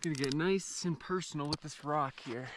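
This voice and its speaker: A man's voice: on the high side, a little fast, slight background noise. A man giving casual, slangy, exclamatory commentary as a climber outdoors. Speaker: mountain climber. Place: outdoors on a mountain ridge.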